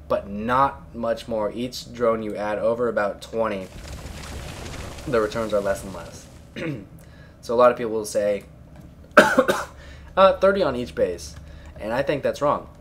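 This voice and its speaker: A man at home giving blunt, chatty solo commentary on a strategy game, coughing and clearing his throat often. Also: mid-range voice, slight background noise.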